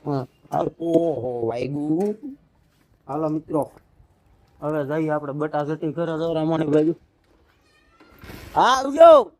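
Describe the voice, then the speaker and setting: A man's voice: on the high side, unhurried, mellow, no echo. A man vlogging outdoors on a phone camera, coaxing a small child in sing-song baby talk and chatting to viewers.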